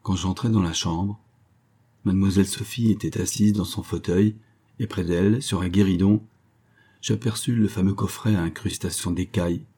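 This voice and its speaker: A man narrating a literary short story as an audiobook in a measured, unhurried way. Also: deep voice, fairly even intonation, warm tone, slightly rough.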